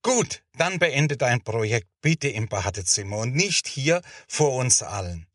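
A man voicing a patient female children's teacher in a storybook reading, calm and instructive. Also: mid-range voice, measured pace, no echo, studio quality.

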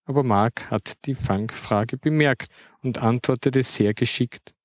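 A man narrating a children's story in a calm, even storytelling manner. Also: medium pitch, a little slow, no room sound, studio quality.

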